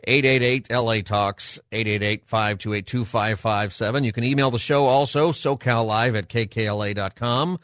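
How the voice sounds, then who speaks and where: A man's voice: fairly low pitch, normal speed, hardly any pauses, a bit bright, no echo, clean studio sound. A middle-aged man hosting a live radio talk show in a conversational way, with a showman-like announcer manner.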